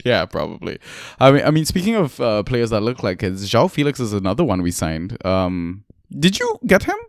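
Smooth low-voiced man hosting a podcast. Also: a little fast, dry recording, studio quality. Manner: relaxed, chatty, laughs often. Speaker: podcast co-host. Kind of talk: casual podcast chat.

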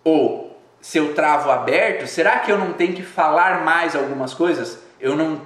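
A man's voice: on the high side, moderate pace, fairly bright tone, echoey room. A man hosts a live video and explains his ideas in a reflective way. He repeats phrases and asks rhetorical questions. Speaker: host of a live video channel. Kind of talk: explanatory live-stream talk.

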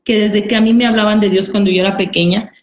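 A woman's voice: medium pitch, steady tone, fast, a little hiss or hum. Earnest woman giving testimony. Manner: earnest, repeats phrases, often ends with "¿verdad?". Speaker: interviewee giving a church testimony. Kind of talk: personal religious testimony. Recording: roomy, dull recording.

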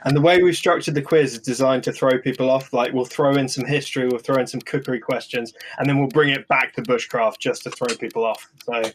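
A man's voice: medium pitch, fairly even intonation, brisk, hardly any pauses. A man co-hosting a quiz, chatting casually as he explains questions and answers. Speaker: quiz co-host. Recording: clear background noise.

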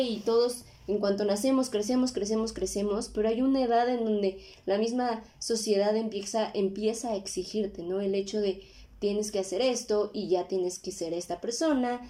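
A woman in her twenties with a Mexican accent hosts a podcast, her voice on the high side and mellow. She delivers a casual, conversational monologue sprinkled with frequent tag questions.

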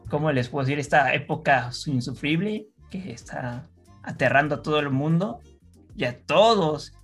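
A young woman chatting casually, relaxed and often searching for words. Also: deep voice, moderate pace, breathy edge, soft background music. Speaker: interviewer. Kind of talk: casual chat.

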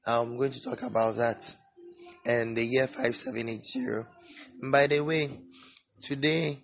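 A man hosting an informal religious teaching podcast with a sore, swollen-throat voice, speaking haltingly and repeating words. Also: mid-range voice, fairly bright tone, slight background noise. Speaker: podcast host. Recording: dull lo-fi audio, music behind. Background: background music.

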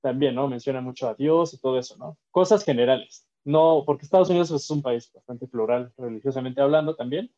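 Guy on a podcast, mellow voice, thinks out loud with lots of fillers, kinda dull lo-fi sound. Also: mid-range voice, fairly quick, few pauses. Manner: thoughtful, hesitant, many fillers. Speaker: podcast co-host. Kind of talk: casual political chat.

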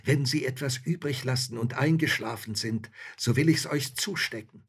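A man's voice: mid-range voice, normal speed, breathy edge, pitched above the performer's own voice. A man voicing a worried, kindly old woman in a storybook reading, speaking with an urgent warning tone.

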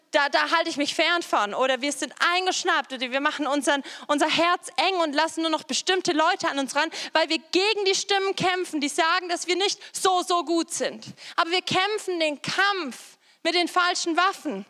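High-voiced woman preaching in a hall. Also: moderate pace, pushed and bright. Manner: direct, repeats phrases, addresses listeners with "hey, weißt du was". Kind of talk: sermon.

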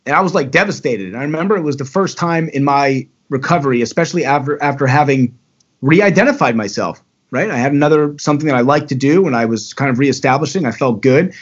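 Husky talkative man, candid. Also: medium pitch, fast, highs cut off. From Baltimore area, USA. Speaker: guest. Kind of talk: casual storytelling.

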